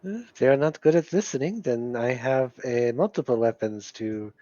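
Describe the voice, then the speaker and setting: A man playing a tabletop role-playing game, phrasing things haltingly and deliberately, in and out of character. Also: medium pitch, mellow, no echo, muffled recording. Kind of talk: casual game play, speaking in and out of character. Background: music.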